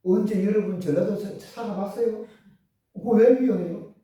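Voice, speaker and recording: Animated man preaching in an echoey hall. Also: high-pitched. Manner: animated, rhetorical questions to the congregation. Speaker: pastor. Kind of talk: sermon. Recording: echoey church hall from far off.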